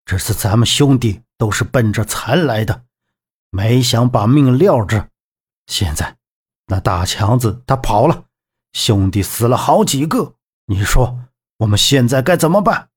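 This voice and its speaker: Man voicing a gruff gang leader, blunt, slow, confrontational, audiobook. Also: mid-range voice, animated. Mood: agitated. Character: gruff middle-aged male gang leader, agitated.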